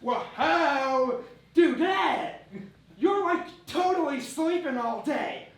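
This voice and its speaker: An actor playing a goofy, laid-back surfer prince who drawls and shouts his lines, in a live stage sketch comedy. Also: very high voice, lively intonation, slow pace, heavily acted. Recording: distant stage mic, very echoey hall.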